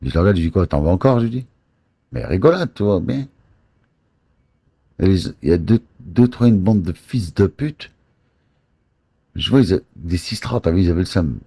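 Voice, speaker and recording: A man telling boastful, crude stories in rough street slang, close to the mic indoors. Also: deep voice, expressive, moderate pace, long pauses, warm tone. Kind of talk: casual storytelling on a live stream.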